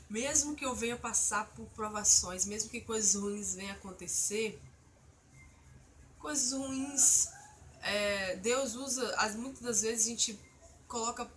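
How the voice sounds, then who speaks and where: Bright-voiced woman telling a faith testimony. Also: medium pitch, a little hiss or hum. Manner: earnest storytelling, emotional retelling of an assault. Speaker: testimony speaker. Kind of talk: personal religious testimony.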